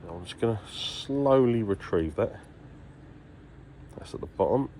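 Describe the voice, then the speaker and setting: A man's voice: lowish voice, lively intonation, measured pace, mellow, slight background noise. A British man with a congested, stuffy nose from a cold, chatting casually and thinking aloud as he films himself fishing. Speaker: angler filming a fishing vlog. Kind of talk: casual chat to camera while fishing. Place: outdoors by the water.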